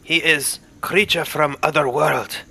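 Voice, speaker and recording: A man playing a solemn, halting adventurer. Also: fairly high pitch, vocal fry, bright, forceful tone, breathy edge, exaggerated voice. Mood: earnest. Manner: halting, broken grammar, earnest.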